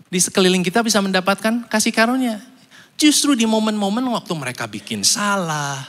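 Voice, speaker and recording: A fairly high-voiced man preaching. He is animated, leaps in pitch when he acts out quotes, and drops English phrases into his sermon. His voice rings with the long reverb of a large church hall. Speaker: pastor.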